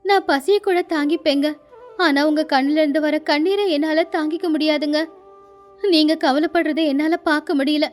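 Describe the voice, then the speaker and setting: A woman plays a devoted young wife in a storybook tale, her voice very high and gentle. She speaks soothingly and pleads softly. Faint music runs under her. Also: steady tone, normal speed, natural voice. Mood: tender, soothing. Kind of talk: storybook voice acting.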